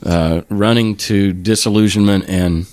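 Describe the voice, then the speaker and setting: Middle-aged man, podcast host, low voice, dry close sound, rambling casual talk. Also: steady tone, measured pace, darkish tone, dry recording. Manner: rambling, restarts sentences. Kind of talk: casual interview chat.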